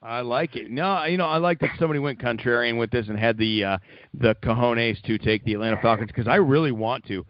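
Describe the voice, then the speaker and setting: A man's voice: medium pitch, quick pace, no room sound. A man on a casual sports talk show, full of brash, profane banter, recorded with dull lo-fi sound.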